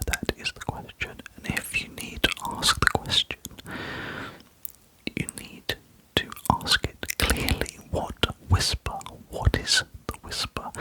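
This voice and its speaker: A man whispering softly into a close binaural microphone, musing aloud and asking the listener rhetorical questions. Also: extremely high pitch. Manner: very soft whisper, sometimes barely audible. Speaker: ASMR creator. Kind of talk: ASMR whispering.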